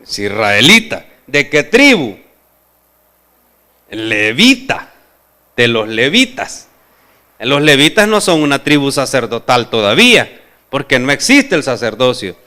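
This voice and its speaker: Male pastor, sermon, bright and resonant, quizzes the congregation. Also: medium pitch, measured pace, pauses often. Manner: asks the congregation questions, expressive.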